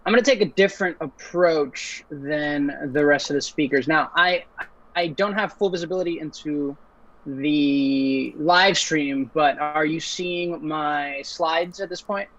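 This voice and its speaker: A man's voice: fairly high pitch, unhurried, a bit bright. A young man from Ecuador, raised in Puerto Rico, giving a casual webinar talk as a guest engineer. He speaks earnestly and loosely, with frequent fillers and restarts. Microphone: video call. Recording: muffled video-call audio.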